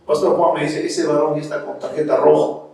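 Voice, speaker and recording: A man's voice: on the high side, flat delivery, a little fast, creaky, darkish tone. A man preaching a sermon to his congregation, calling them brothers. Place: church. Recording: very echoey church hall, mic far off.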